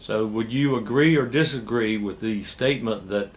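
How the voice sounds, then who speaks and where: Male interviewer, lower-pitched voice, conversational questioning. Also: normal speed.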